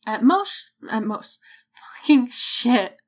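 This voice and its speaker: A woman with a slightly high, fairly bright voice and lively intonation takes her time as she reads a scripted casting-call announcement as a voice-over. She's foul-mouthed and pokes fun at herself, and she keeps stumbling over her lines, so the clip includes blooper outtakes.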